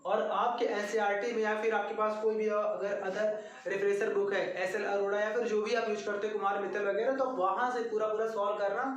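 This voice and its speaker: A man's voice: high-pitched, little pitch movement, fairly quick. A man teaching a physics lesson, explaining step by step and talking straight to his students. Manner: repetitive, step-by-step explaining, addresses students directly. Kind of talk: classroom lecture at a board. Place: classroom at a coaching centre. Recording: very echoey room, mic far off.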